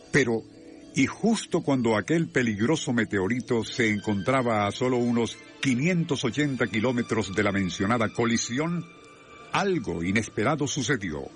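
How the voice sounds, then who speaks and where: Venezuelan man, formal radio documentary narrator, very lively pitch movement, music underneath. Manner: formal, deliberate phrasing. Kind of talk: dramatic scripted documentary narration.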